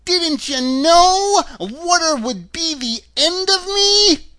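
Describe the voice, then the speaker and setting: A wicked old storybook witch, shrill and piercing. She drags out her words with cunning relish. Her delivery swoops between cackle and wail. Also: wildly swooping pitch, bright, forceful tone, heavily acted. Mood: screaming, despairing. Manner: drawn-out, cackling, wailing delivery. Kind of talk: storybook character voice.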